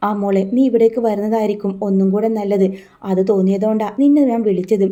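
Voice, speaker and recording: A woman voicing a caring older aunt who gently scolds and consoles a girl. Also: medium pitch, fairly even intonation, quick pace, natural voice. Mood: consoling.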